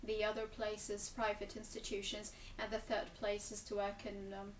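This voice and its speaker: A woman's voice: medium pitch, monotone, normal speed, slight background noise. Young woman, echoey and distant. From Gaza Strip, Palestine. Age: 20s. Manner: thoughtful, hesitant with frequent ums and restarts. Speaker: interviewee, English teacher and graduate student. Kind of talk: interview answers. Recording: echoey room, mic at a distance, faint ambience.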